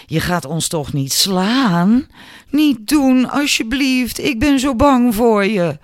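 A man's voice: medium pitch, a little slow, a little mellow, no room sound, studio quality, pitched below the performer's own voice, natural voice. A man voicing a cruel, mocking bully boy in an audiobook, sneering and jeering.

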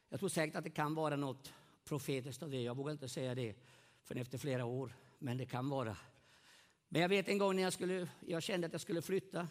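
High-voiced male pastor preaching in a hall. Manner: animated, swings loud and soft, asks the congregation questions. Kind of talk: evangelistic sermon. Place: meeting hall with congregation. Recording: long hall reverb.

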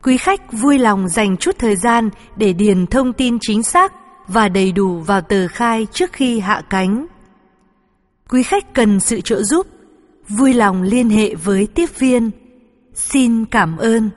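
A woman's voice: a little high, animated, slow. A woman speaking as a flight attendant, reading formal, polite scripted in-flight announcements. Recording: long hall-like reverb.

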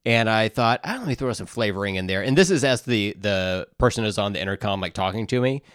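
A man's voice: on the low side, lively intonation, quick pace, a bit bright, smooth, no echo, clean studio sound. A man co-hosting a podcast in casual chat, joking and rambling with plenty of fillers. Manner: jokey, rambling with many fillers. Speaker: podcast co-host.

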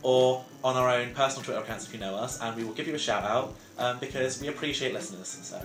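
A man's voice: mid-range voice, fast, roomy sound. A young man hosting a student radio show, polished and announcer-like, teasing his co-host. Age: young adult. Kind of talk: casual radio chat.

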